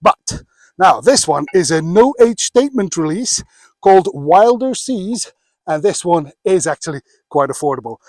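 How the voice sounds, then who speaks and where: A slightly breathless man in his fifties from Belgium, giving a chatty whisky tasting outdoors on a mountain. His voice sits a touch high for a man, and it is recorded close and dry with no room sound around it. He often pauses with "uh" as he talks. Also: darkish tone, dry recording. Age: 50s. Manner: chatty, many filler "uh"s. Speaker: whisky blogger.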